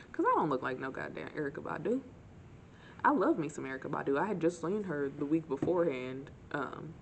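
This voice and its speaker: A young woman telling dating stories in a casual, sarcastic, animated way to her camera. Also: low-pitched, creaky, slight background noise. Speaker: vlogger. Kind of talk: casual storytime chat.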